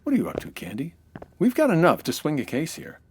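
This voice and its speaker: Man playing an animated old-time police detective. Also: fairly high pitch, quick pace, slight background noise. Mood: dry. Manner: dry, old-time tough-cop delivery. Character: gruff but game male homicide detective inspector. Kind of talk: comedic 1940s radio detective acting.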